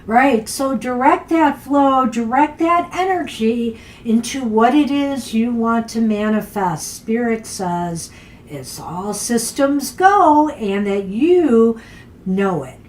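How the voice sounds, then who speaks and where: A woman's voice: on the high side, lively intonation, slow pace. A woman co-hosting a casual tarot live stream, chatty, encouraging and upbeat as she reads cards for viewers. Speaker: tarot reader, co-host.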